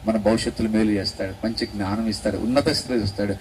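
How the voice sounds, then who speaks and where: A man's voice: on the low side, fairly even intonation, quick pace, a little mellow. A man preaching to children, quizzing them with rising, calling questions and then leading them in prayer with coaxing, repeated instructions. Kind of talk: children's sermon with altar call. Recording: noisy room recording.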